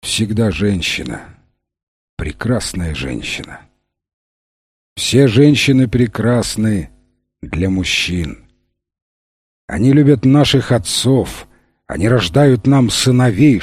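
A man voicing a soft-spoken blind bandit judge, husky and slow. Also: medium pitch, lively intonation, no echo. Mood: solemn. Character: blind old bandit judge, gentle and solemn.

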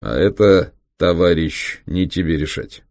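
A man reading an audiobook, voicing a cold, ruthless German male biochemist with a creaky, reproachful voice. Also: low voice, animated, unhurried, a little mellow, no room sound, clean studio sound. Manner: reproachful, dismissive.

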